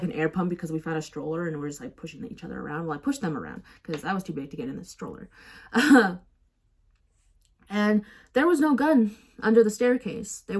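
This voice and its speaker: A young woman tells a personal story straight to the camera in a loose, rambling way. She mocks herself often and fills her speech with likes and you-knows. Her voice sits at an ordinary middle pitch for a woman. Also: a little mellow. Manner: rambling, self-mocking, lots of fillers. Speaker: vlogger. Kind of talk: casual storytelling vlog.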